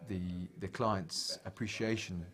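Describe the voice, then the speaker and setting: A guitar maker with a low, slightly bright voice speaks slowly and thoughtfully in an interview, keeping his intonation fairly even. He often stops to restart and repeat words.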